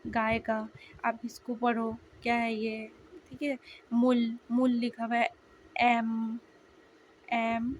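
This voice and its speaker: A young woman with a slightly hoarse voice, chatting casually to viewers as she shares her language-learning notes and sounds out letters slowly. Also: a little high, monotone, a little hiss or hum, rough recording. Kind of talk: casual video lesson.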